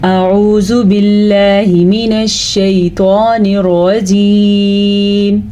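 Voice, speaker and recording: A woman teaching Quran recitation rules, explaining patiently step by step and chanting the examples slowly and drawn out. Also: medium pitch, warm tone. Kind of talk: tajweed lesson with slow recited examples.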